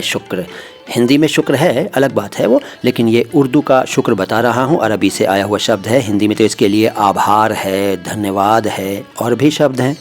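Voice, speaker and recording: A man teaching the correct pronunciation of words in a patient, corrective way, speaking directly to his viewers. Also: mid-range voice. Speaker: language teacher. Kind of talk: pronunciation lesson.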